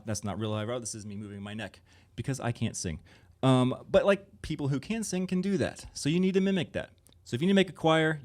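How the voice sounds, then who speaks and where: A man's voice: fairly low pitch, a little mellow. A man, a music producer, giving a live conference workshop to an audience in a room, talking in a casual, rambling way full of fillers and asides.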